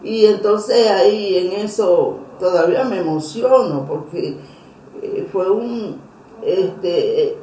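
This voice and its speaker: Woman telling her faith story, mellow voice, halting and emotional, roomy echo. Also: fairly low pitch, animated, a little hiss or hum. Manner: earnest, emotional storytelling with many pauses and restarts. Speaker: interviewee giving a religious testimony. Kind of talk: personal testimony interview.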